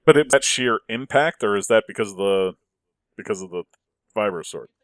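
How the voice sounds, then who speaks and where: Male podcast host, low voice, dry close sound, earnest arguer. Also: animated, normal speed, dry recording. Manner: earnest, builds arguments, frequent restarts. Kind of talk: casual podcast chat.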